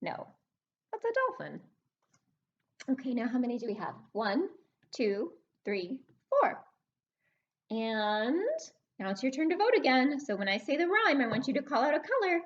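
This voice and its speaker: Hosting story time for kids, this woman reads in a lively, sing-song manner and prompts her young audience with questions. Her voice sits high, she talks at normal speed with long pauses, and the recording is dull.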